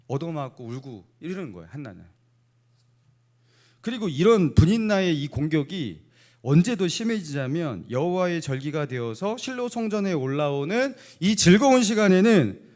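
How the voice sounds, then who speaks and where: A middle-aged man preaches in a church sanctuary, his voice sitting fairly high and swinging widely in pitch. He keeps asking the congregation playful either-or questions and chuckles between his points, like a pastor in a lively Sunday sermon.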